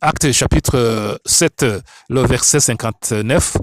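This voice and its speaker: A man's voice: medium pitch, slow pace, no room sound, clean studio sound. A man with a foreign accent in French, a non-native speaker, teaching the Bible like a preacher in an emphatic, repetitive, didactic way with rhetorical questions. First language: not French.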